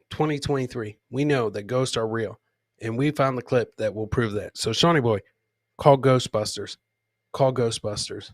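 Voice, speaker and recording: A man hosts a live comedy podcast, joking informally and repeating his phrases as he reacts to clips and chat, several beers in. His voice is medium-pitched, and the studio-quality sound carries no room tone.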